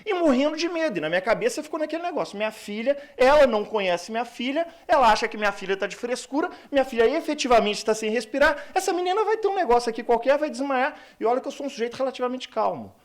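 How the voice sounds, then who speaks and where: A high-voiced man talks fast and loosely at a conference, self-mocking and full of fillers. He is a lawyer from Brazil speaking to a hall. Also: animated. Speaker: lawyer giving a conference talk. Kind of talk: conference talk.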